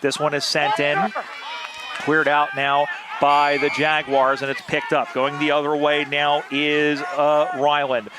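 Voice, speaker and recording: A man's voice: on the high side, monotone, measured pace. A man calling a live football match outdoors beside the field, chatty and full of side remarks. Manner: chatty, drifts into asides. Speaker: play-by-play commentator. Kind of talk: live sports commentary. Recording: outdoor field with loud background noise.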